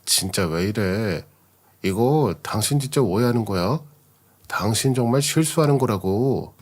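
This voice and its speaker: Male reader plays a cornered husband who keeps denying, low register. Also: animated, measured pace, a little mellow. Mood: defensive. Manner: blustering, evasive. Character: cheating husband caught out, defensive.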